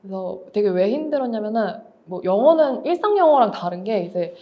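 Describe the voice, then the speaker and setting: Woman author in her thirties, candid lecture talk, quick delivery. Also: mid-range voice, sing-song, lo-fi sound. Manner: candid, reflective, explains with everyday examples. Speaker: author and writing teacher.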